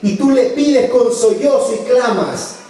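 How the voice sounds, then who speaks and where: Recorded from far off in a very echoey church hall with faint noise, a man preaches a sermon with an extremely high-pitched, warm, lively voice. He unhurriedly and earnestly tells personal stories, shifting his voice whenever he quotes someone.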